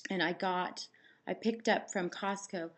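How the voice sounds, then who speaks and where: Lower-pitched woman chatting with a dry mouth. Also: fairly even intonation, measured pace. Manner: rambling, anecdotal, acts out quoted exchanges. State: dry mouth, recovering the day after surgery. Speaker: vlogger. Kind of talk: casual chat to camera, personal storytelling.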